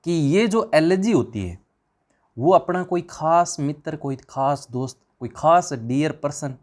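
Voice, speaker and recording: A man's voice: a little high, animated, a little slow, darkish tone. A man teaching an exam revision class, firing questions at the students and answering them himself in a chatty, informal way.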